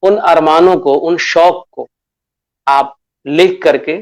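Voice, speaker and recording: Male teacher from Bihar, slightly high voice, unhurried classroom delivery with lots of repetition. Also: steady tone. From Bihar, India. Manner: slow and deliberate, addresses pupils as children; repeats key phrases and asks questions to himself. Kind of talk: classroom lesson.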